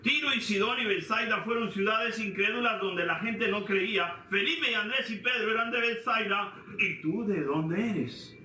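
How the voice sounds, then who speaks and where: A man from eastern Cuba with a Cuban accent, preaching a sermon as pastor, asking his listeners questions and swinging between loud and hushed passages. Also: high voice, moderate pace, few pauses, a little hiss or hum. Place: church hall. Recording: echoey church hall, distant mic.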